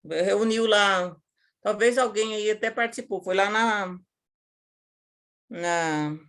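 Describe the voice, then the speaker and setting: A woman educator talking casually to teachers over a video call, lively and colloquial, acting out the scenes she tells. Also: medium pitch, takes it slowly. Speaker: educator giving a talk.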